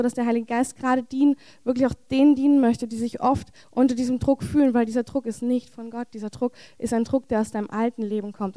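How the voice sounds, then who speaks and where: A woman's voice: on the high side, warm tone, no room sound. A woman preaching a heartfelt charismatic sermon in a church, with earnest, repetitive phrasing.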